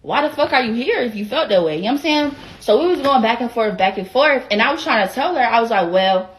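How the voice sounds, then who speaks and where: A young woman from Atlanta, speaking with its accent, rants through a casual storytime. She curses freely and voices both people in the argument herself, her voice sitting a little high. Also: fast. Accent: Atlanta Southern American. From Atlanta, USA. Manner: animated, profane, acts out both sides of the argument. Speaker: vlogger.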